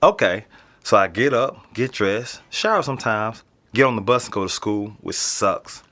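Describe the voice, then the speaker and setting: A young man with an American accent voices a casual, nonchalant teenage boy from an apartment building being interviewed in a realistic audio drama. His delivery is slangy and streetwise, with a fairly low, expressive, slightly bright voice at a moderate pace.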